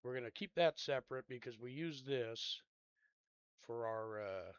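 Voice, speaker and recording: A man of middle pitch chats loosely through his game session, thinking aloud and letting sentences trail off. He sounds laid-back and a little drowsy. The recording is close and dry with no room sound. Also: a little slow, clean tone, dry recording, lo-fi sound. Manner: rambling, thinks out loud with trailing-off asides. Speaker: gameplay commentator. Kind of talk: casual game commentary.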